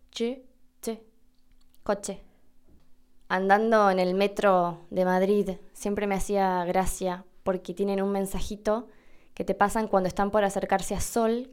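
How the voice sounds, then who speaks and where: Speaking in a medium-pitched, slightly mellow, clean voice, an Argentine-accented woman hosts a chatty Spanish pronunciation podcast. She shows listeners how each sound is made.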